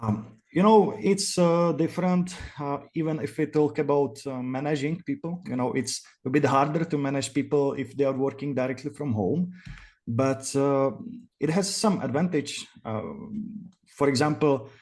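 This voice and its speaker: A man in his twenties from the Czech Republic with a Czech accent, giving casual interview answers in a halting, hesitant way. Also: mid-range voice, a little mellow. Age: 20s. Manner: hesitant, halting delivery full of pauses. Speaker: interview guest, virtual cam studio owner.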